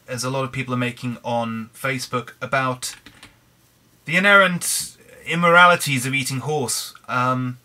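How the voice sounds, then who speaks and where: A young British man with a hoarse, croaky throat, chatting in a rambling way over a Minecraft let's play. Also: medium pitch, pushed and bright. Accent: British English. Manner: rambling, chatty, frequent restarts. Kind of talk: casual gameplay commentary.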